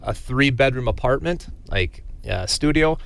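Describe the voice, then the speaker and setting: A man giving a casual radio interview as a business owner, in a halting, informal way. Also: mid-range voice, lively intonation, fairly bright tone.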